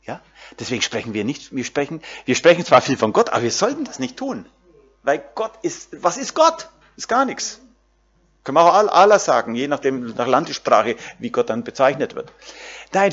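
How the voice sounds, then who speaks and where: A man's voice: fairly high pitch, a bit bright, slightly rough, lo-fi sound. A man preaching a sermon, addressing the congregation directly with frequent fillers and tag questions.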